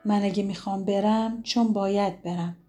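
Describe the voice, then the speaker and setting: A woman's voice: medium pitch, fairly even intonation, warm tone, natural voice. A woman voicing a hesitant young man. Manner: halting, stammering.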